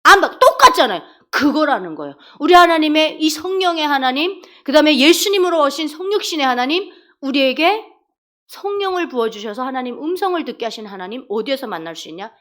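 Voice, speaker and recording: A woman preaches in a high, bright voice. Her pitch swoops up and down as she acts out little dialogues. She keeps asking the congregation questions. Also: brisk. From North Korea. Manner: animated storytelling sermon, acts out dialogues, asks the congregation questions. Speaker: deaconess preaching. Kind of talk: sermon.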